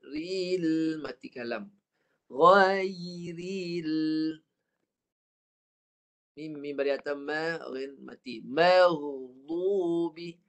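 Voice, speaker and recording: A man's voice: mid-range voice, a little mellow. A man with a Malaysian Malay accent teaching an online Quran reading lesson, patiently drilling letter sounds and stretching out Arabic words as he demonstrates them. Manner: slow, patient drilling with counting and model recitation.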